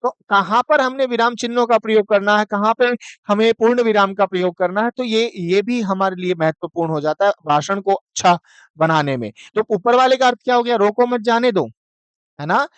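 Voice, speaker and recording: A man teaching an exam-prep language class, asking questions and answering them himself, chanting verses slowly. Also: high voice, a bit bright, clean tone, dry recording, highs cut off.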